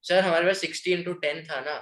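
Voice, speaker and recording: A male student asks his teacher polite questions and calls him sir at nearly every turn. His voice sits slightly high. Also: fairly even intonation, quick pace, fairly bright tone, poor audio.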